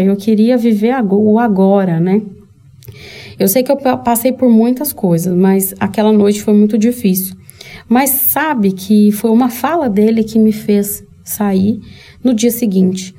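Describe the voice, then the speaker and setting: A woman's voice: mid-range voice, dark tone. A Brazilian woman hosting her own channel, telling a personal story candidly and with emotion, speaking straight to her viewers. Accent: Brazilian Portuguese. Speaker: channel host.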